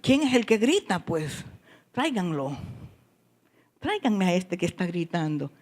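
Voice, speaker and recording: A woman voicing Jesus as a calm, authoritative man who speaks low, quiet and measured. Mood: calm command.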